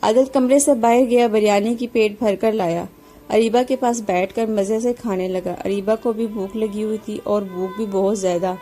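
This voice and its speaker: Woman storyteller, calm scripted narration, mellow voice, faint background music. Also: medium pitch.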